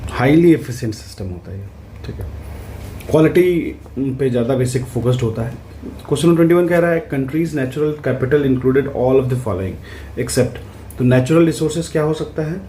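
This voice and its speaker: A man, an exam prep tutor, explaining answers in a casual lesson, checking in often and reading questions out slowly. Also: on the high side, warm tone, a little hiss or hum. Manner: conversational, repeats "ठीक है" to check in, reads English questions out slowly.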